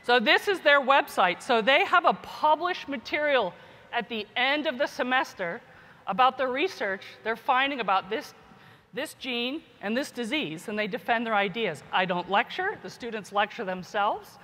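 With lively intonation and a bright, forceful, slightly high voice at normal speed, a woman gives an informal keynote as a scientist and teacher, often slipping in "you know" and "right?" The vast hall echoes with long reverb.

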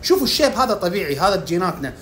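A woman's voice: fairly low pitch, sing-song, racing, slight background noise. A woman giving casual health tips, asking and answering her own questions as she goes. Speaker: herbal health presenter.

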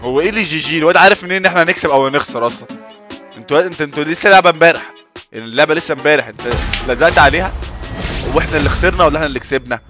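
A young man with an Egyptian accent giving excitable live gameplay commentary as a gaming host, shouting at the screen. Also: a little high, very fast. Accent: Egyptian Arabic. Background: game music.

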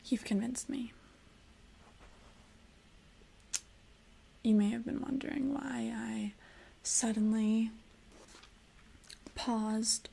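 Woman acting a hushed, creaky, obsessive librarian in ASMR role-play. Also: on the high side, a little hiss or hum, poor audio. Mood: intimate, explaining. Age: young adult. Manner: hushed, slow, intimate librarian soft voice with pauses. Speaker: ASMR performer playing a librarian.

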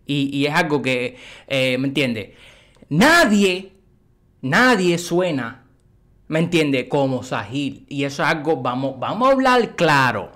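A man giving casual, excitable reaction commentary on a music video. He swears often and keeps checking that the listener follows him. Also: fairly high pitch, slow. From Cuba. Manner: excitable, swears, keeps asking "you know what I mean".

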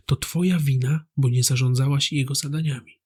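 A defensive grown man who shifts the blame and talks down to the listener in a scornful way, as the narrator puts him on. His voice stays close to an everyday man's own talk, with a pitch in the middle. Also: fairly even intonation, normal speed, darkish tone, slightly rough, lightly acted. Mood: dismissive.

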